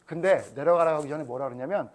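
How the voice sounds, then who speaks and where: A male pastor with a slightly high voice gives a rapid-fire children's Sunday school sermon, retelling the Bible story with animation and acting out what each character says. He keeps drawing the kids in, calling on them by name with one question after another.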